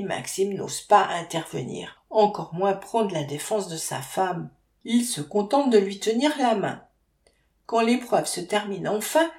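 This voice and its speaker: A woman's voice: medium pitch, darkish tone. Wry woman reading an audiobook. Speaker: audiobook narrator. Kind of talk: scripted audiobook narration. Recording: roomy echo.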